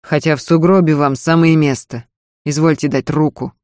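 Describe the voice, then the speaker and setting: A man voicing a gruff, contemptuous nobleman husband in an audiobook reading. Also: on the high side, fairly even intonation, moderate pace, darkish tone, dry recording, studio quality, close to an everyday voice. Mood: curt scornful. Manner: curt and scornful, speaking through his teeth.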